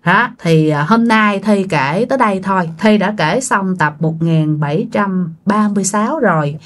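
This woman hosts a storytelling channel and tells a ghost story casually, addressing her audience head-on in a chatty manner. She speaks at a normal speed with a medium-pitched, animated voice.

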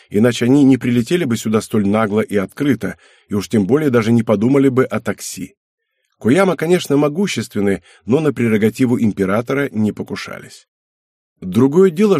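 A man narrates an audiobook in a steady, measured way. His voice is husky and sits at a middle pitch, recorded dry and close. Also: no echo. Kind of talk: scripted narration.

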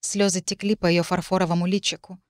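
A woman narrating a first-person audiobook in an expressive, wry manner, close on the mic. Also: fairly low pitch, fast, dry recording.

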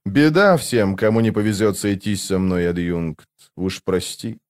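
A man's voice: deep voice, unhurried. A man voicing a grim, hardened soldier captain who speaks coldly and curtly in an audiobook. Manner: cold, curt, threatening.

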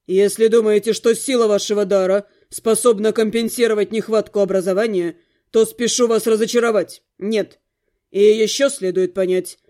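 A woman voicing a strict, dark-haired male fire-magic lecturer in an audiobook, speaking in a demanding, lecturing way. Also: medium pitch, pitched below the performer's own voice, close to an everyday voice. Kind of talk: audiobook character voice.

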